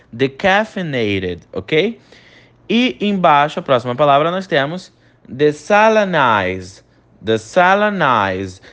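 A man teaching an English lesson online, a native Portuguese speaker, lively and drilling each English word slowly for the learner to repeat. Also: on the high side.

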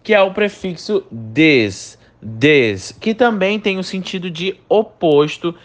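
Giving an online English lesson, a lively man whose first language is Portuguese slowly drills every English word for his student to echo back. His voice sits high.

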